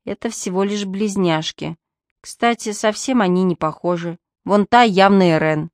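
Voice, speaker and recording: A woman's voice: medium pitch, moderate pace, a little mellow, no echo, clean studio sound, close to an everyday voice. A woman playing a flustered police inspector. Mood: weary. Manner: fussy, overwhelmed, sighing. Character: flustered middle-aged male police inspector.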